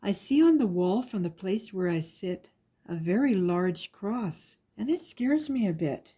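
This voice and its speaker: As a guest story reader, a woman reads a rhyming picture book to children in a mellow, soft-edged, husky voice. She is animated yet measured, following the lilt of the verse at a middling pitch.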